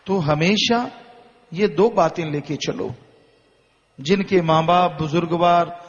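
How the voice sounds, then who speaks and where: A man delivers a sermon in a high voice, building his warnings through slow, repeated phrases. The sound is muffled and carries a long hall reverb. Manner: slow, repetitive exhortation. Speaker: spiritual preacher. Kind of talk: Hindi sermon.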